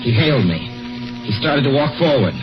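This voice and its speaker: A man's voice: medium pitch, very animated, fairly quick. An actor playing an uneasy male motorist who narrates his journey in hesitant, haunted tones, heard on an old 1940s radio broadcast recording. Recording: dull lo-fi 1940s broadcast with loud music.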